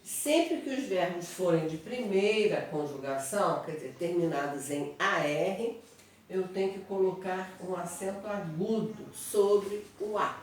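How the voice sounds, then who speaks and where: A Brazilian woman teaches grammar at a small whiteboard, speaking slowly and walking through each example step by step. Her voice comes from some distance from the microphone. The room is strongly echoey, with faint noise underneath. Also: fairly low pitch. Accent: Brazilian Portuguese. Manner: slow, explanatory, repeats examples and checks with "tá?". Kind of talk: online grammar lesson at a whiteboard.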